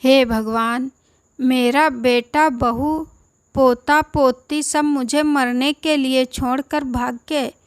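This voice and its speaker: A woman's voice: high-pitched, steady tone, slow pace, clean tone, dry recording. A woman voicing a frail abandoned old village man. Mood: grieving. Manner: pleading and bewildered.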